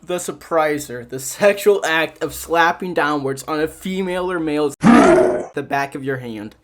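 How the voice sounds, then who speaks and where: A man's voice: on the high side, measured pace, very noisy. A young man, a video creator, reading aloud and reacting in casual commentary, laughing often, swearing and sounding exasperated.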